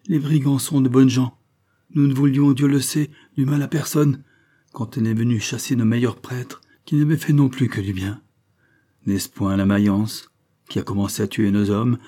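A man's voice: mid-range voice, steady tone, normal speed, dark tone, natural voice. A man reading the part of an older, kind peasant mother who talks in plain, earnest country speech.

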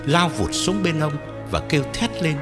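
A male narrator tells a ghost story in a slightly raised voice with wildly sweeping intonation. Loud music plays under the whole reading. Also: a little high, big pitch swings, normal speed. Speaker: audiobook narrator.

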